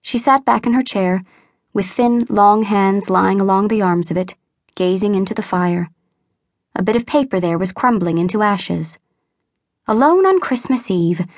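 A woman's voice: mid-range voice, dry recording, studio quality. Woman reading a classic story. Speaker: audiobook narrator. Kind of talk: scripted storybook narration.

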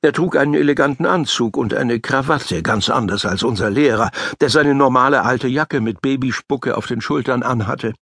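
A man narrating a children's audiobook with lively, expressive storytelling into a close studio mic. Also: mid-range voice, moderate pace, gravelly, few pauses, husky, no echo. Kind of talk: scripted narration of a children's book.

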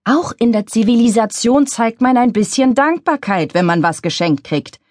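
A woman's voice: a little high, animated, normal speed, a little mellow, dry recording, clean studio sound, voice pushed up, lightly acted. A woman voicing a snide, venomous female office colleague who swears by astrology.

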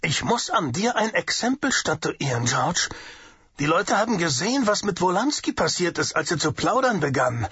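A man's voice: high voice, big pitch swings, normal speed, sharp tone, slightly rough, dry recording, pitched above the performer's own voice, heavily acted. A man voicing a cruel young male gang leader who hisses threats, in a dull lo-fi audiobook recording. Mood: menacing. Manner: hissing, taunting.

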